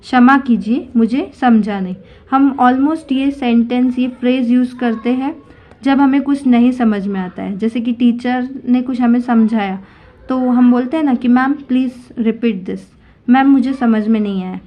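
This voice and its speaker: A woman teaching spoken English in Hindi, saying each English phrase slowly and clearly. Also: a little high, highs cut off.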